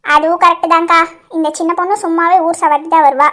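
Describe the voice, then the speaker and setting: Woman doing shrill scolding women. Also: flat delivery, quick pace, bright, forceful tone. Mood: gossiping. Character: bickering Tamil village women, high and shrill. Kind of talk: cartoon voice acting.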